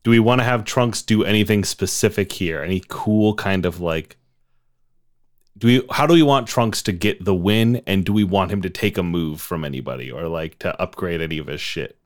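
A laid-back young man pitching ideas on a podcast, relaxed and enthusiastic, swearing casually. His voice is lowish and smooth. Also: moderate pace. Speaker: podcast co-host. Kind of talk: casual story brainstorming.

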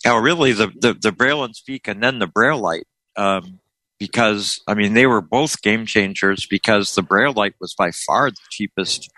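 Bright-voiced male radio host. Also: on the low side, no echo, low-quality recording. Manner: friendly, quick back-and-forth with callers. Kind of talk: call-in radio chat.

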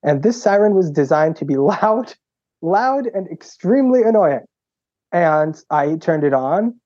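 A young man with a mellow, warm voice tells his stories with gusto, jumping up in pitch whenever he acts out what someone said. The audio is dry and a little dull, like a modest lo-fi recording. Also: measured pace, no room sound. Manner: lively storyteller who acts out quotes with a raised pitch. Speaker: guest. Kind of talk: animated storytelling in conversation.

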